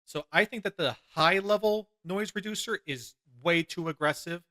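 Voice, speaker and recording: A man's voice: high-pitched, normal speed, pushed and bright. A man casually reviewing an audio mixer at a desk microphone in a home room, chatting and repeating words for emphasis. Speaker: tech reviewer. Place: home room with fan and PC running. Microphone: desk microphone about eight to ten inches away.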